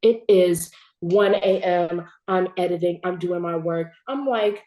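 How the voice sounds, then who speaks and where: Animated teenage girl host, roomy sound. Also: fairly low pitch, unhurried. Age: teens. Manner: animated, storytelling, laughs often. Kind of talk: casual chat.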